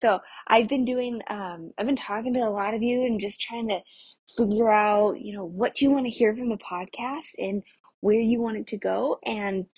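A young adult woman with a husky voice, hosting a podcast in a casual, chatty way and talking to listeners like friends. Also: on the high side, normal speed, a little mellow, no room sound, lo-fi sound. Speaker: podcast host of a nutrition show for mothers. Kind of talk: casual solo podcast talk.

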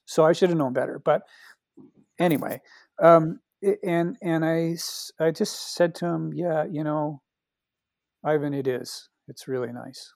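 A Canadian man speaking as a podcast guest, thoughtful and soft-spoken, telling stories with many restarts. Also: on the high side, no echo, studio quality. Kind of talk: reflective conversation.

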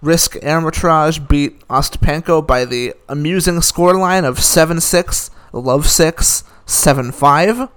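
A man's voice: fairly high pitch, a bit bright, smooth. A man giving a casual, opinionated recap of the day's tennis results, rattling off scores with dry asides. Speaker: tennis commentator.

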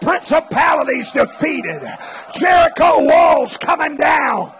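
A man preaching at a Pentecostal revival meeting, shouting and urging the crowd on with repeated exhortations, sometimes speaking in tongues. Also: very high voice, lively intonation, takes it slowly, a little hiss or hum. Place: large church meeting.

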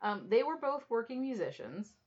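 A woman's voice: a little high, big pitch swings, moderate pace, crowd noise. Dry-humored woman podcast host, lo-fi. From United States. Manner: dry, teasing, leads the talk. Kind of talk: casual chat. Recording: dull lo-fi sound.

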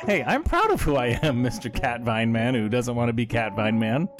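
Animated, joking man with music behind. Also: mid-range voice, moderate pace. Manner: joking, teasing. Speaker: tabletop game player. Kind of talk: casual in-game banter.

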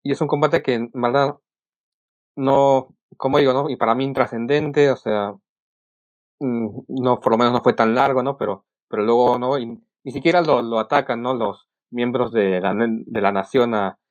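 A man giving casual opinions as a podcast co-host, halting and constantly adding short tag questions, on a dull lo-fi recording. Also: mid-range voice, fairly even intonation, no echo. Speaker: podcast co-host reviewing wrestling. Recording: dull, lo-fi close voice track.

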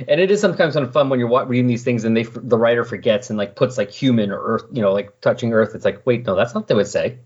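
Fast and with few pauses, his medium-pitched voice carries a breathy edge. He's a podcast host rambling casually through a comic-book recap, animatedly paraphrasing the characters' dialogue along the way, heard on a dull, lo-fi recording.

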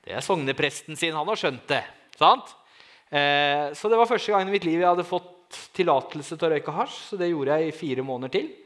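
A man telling a personal testimony in a lively way, often asking his listeners "right?" and swinging from quiet to loud. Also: a little high. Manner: lively, asks the audience "right?", dramatic swings in loudness. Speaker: speaker giving a testimony.

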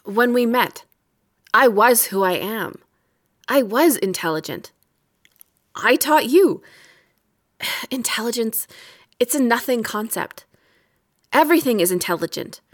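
A woman plays a weary, resentful wife in an audio drama, delivering lines in a measured, pointed way with quiet bitterness. Her voice sits on the high side with lively intonation, and the mood is wistful and insistent.

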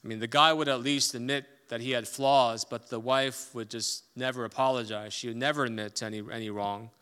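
A man's voice: mid-range voice, steady tone, a little fast, smooth. Emphatic male pastor preaching in a hall. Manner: emphatic, swings from loud stresses to quiet asides. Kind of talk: sermon.

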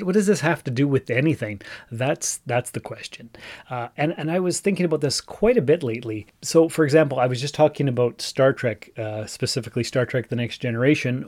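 In this relaxed solo podcast episode, a Canadian host from Northern Ontario, a man in his forties, rambles and chats as he thinks out loud. He speaks at a medium pitch with a slightly mellow quality.

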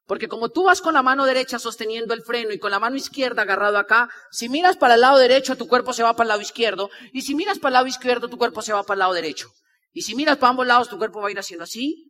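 A man rallies a convention audience in a high, piercing voice, repeating his points and acting out the people he quotes. His words ring out with a long echo through a large hall. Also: racing. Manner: animated, repetitive, acts out quoted people. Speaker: motivational speaker. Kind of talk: energetic motivational talk to a crowd. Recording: live talk with long hall reverb.

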